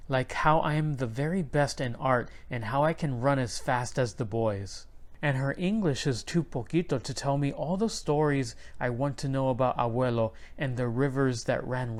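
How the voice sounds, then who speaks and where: Reading aloud from a children's picture book, this medium-pitched male narrator delivers the story clearly and expressively.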